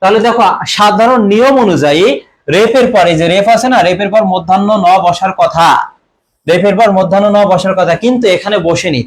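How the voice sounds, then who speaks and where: A young man teaching an online exam-prep grammar class, often quizzing his students and clearing his throat. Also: high voice, fairly quick. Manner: quizzing students with repeated questions. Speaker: admission coaching teacher.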